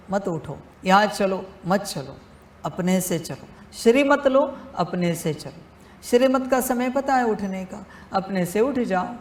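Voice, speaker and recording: A male spiritual teacher giving a devotional discourse, speaking deliberately and repeating phrases for emphasis, addressing listeners fatherly as his children. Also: high-pitched, echoey room.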